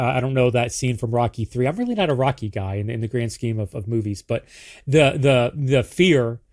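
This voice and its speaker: A man's voice: medium pitch, a little mellow. Rambling male podcast host. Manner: rambling, many restarts and repeated words. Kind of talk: casual interview chat.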